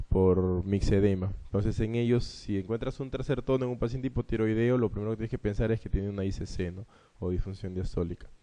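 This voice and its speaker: Man, Peruvian Spanish accent, medical lecturer, exam review, low mellow voice, explanatory. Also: a little fast. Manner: explanatory, frequent rhetorical "¿no?" tags.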